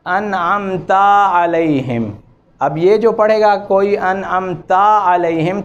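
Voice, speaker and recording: A man teaching Quran recitation rules, chanting examples with long drawn-out vowels and correcting common mistakes. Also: high-pitched, darkish tone, dull audio. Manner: draws out vowels and repeats examples slowly, then corrects. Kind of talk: slow, patient tajweed lesson with chanted examples.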